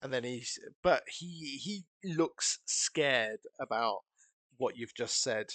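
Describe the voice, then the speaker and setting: A man narrating a tabletop game as game master, improvising in a halting, casual way. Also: medium pitch, animated, a bit bright, no echo.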